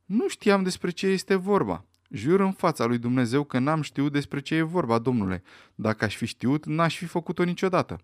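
A man reading aloud, voicing a panicky, servile middle-aged butler who pleads in a hurried way. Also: mid-range voice, sing-song, dry recording, clean studio sound, lightly acted. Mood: pleading.

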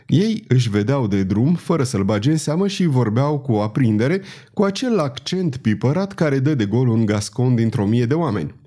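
A man narrating a historical novel as an audiobook in a measured, expressive way. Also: medium pitch.

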